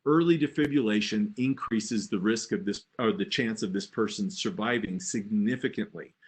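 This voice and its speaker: A man's voice: on the low side, moderate pace. Conversational male first aid instructor, reassuring. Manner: plain-spoken, reassuring, conversational explaining. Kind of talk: informal instructional talk.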